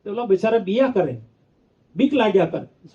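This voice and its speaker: Male monk with a lilt, high and mellow, telling teasing stories in a sermon. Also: animated, moderate pace. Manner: playful, acts out the characters, teases the audience. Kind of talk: storytelling sermon. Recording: dull lo-fi sound.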